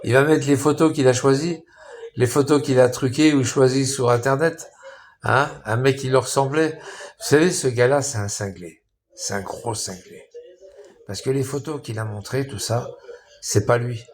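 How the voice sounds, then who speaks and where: A man's voice: medium pitch, fairly even intonation, moderate pace. A man ranting on a live stream, mocking and crude, with many restarts. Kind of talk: rambling live-stream monologue.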